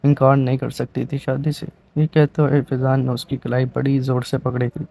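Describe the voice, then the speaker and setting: A man's voice: medium pitch, flat delivery, vocal fry, mellow, poor audio. Man reading a romance novel aloud. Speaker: novel narrator.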